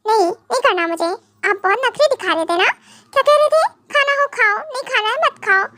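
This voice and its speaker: A woman's voice: extremely high pitch, brisk, sharp tone. A woman voicing a sulky, pleading young wife. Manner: pouting, coaxing. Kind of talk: fan-made audio drama.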